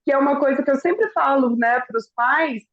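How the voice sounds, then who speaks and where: Brazilian woman, high voice, earnest parent advice, kinda dull muffled audio. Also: moderate pace. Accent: Brazilian Portuguese. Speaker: school coordinator. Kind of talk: live talk to parents.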